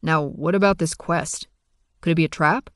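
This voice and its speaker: A man's voice: fairly high pitch, fairly even intonation, moderate pace, fairly bright tone, dry recording. Wry first-person audiobook narrator, man, dry close mic.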